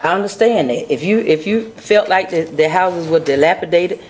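A woman's voice: lowish voice, moderate pace, darkish tone, slight background noise. A middle-aged woman council member, speaking earnestly at a council meeting into a desk microphone, with frequent restarts. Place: council chamber at a dais.

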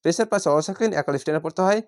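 A Quran reading teacher who gives a patient word-by-word recitation lesson, drawing out each Arabic word slowly before explaining the rule. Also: medium pitch, darkish tone. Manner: chants Arabic words in drawn-out recitation tone.

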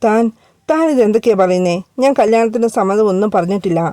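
A woman's voice: medium pitch, fast talker, dark tone, no echo, studio quality, natural voice. A woman voicing a frightened young woman who pushes back and pleads in a raised voice, in a storybook reading. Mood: angry.

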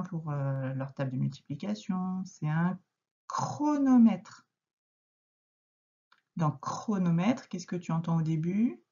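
A woman teacher with a French accent, gently guiding a young child through a phonics lesson, encouraging and repeating words slowly. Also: low voice, lo-fi sound. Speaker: primary school teacher.

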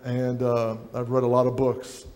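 A man's voice: medium pitch, completely flat delivery, unhurried, darkish tone. A middle-aged man preaching a sermon on a church stage, reading aloud from a book at a lectern.

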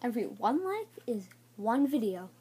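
A woman showing off trading cards in a casual video, naming each one haltingly and unsure of some names. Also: a little high, sing-song, mellow, slightly rough. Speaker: card showcase vlogger. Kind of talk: casual card showcase.

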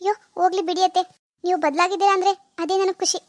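A woman playing a gentle young daughter-in-law from a village, who answers her mother-in-law politely in a homemade family drama skit. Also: extremely high pitch, flat delivery, rapid-fire, no room sound, studio quality.

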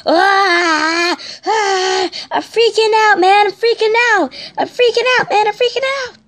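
Lady doing a squeaky, frantic customer girl, pitch jumping way up, loud and whiny. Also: lively intonation, moderate pace. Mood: panicked. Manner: shrill, panicky, repeats herself. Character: whiny, indignant female donut shop customer. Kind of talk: playful make-believe skit.

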